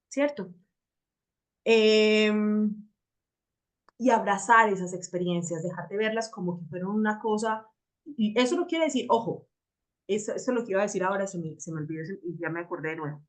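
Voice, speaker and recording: Leading a personal growth workshop, a woman facilitator speaks reflectively and checks in with her listeners often. Her voice is mid-range with a darkish tone.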